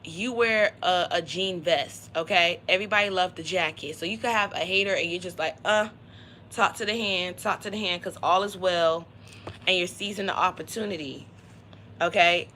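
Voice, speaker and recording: A woman's voice: fairly low pitch, sharp tone, a little hiss or hum, poor audio. A woman giving a casual, motivational tarot reading on a livestream, talking in a slangy, conversational way. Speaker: tarot reader.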